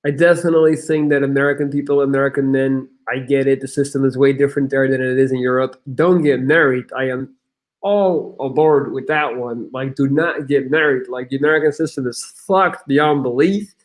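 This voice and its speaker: A man's voice: mid-range voice, steady tone, a little fast. A young man from Belgium, a podcast guest talking in casual chat, blunt and rambling, swearing often and restarting his sentences.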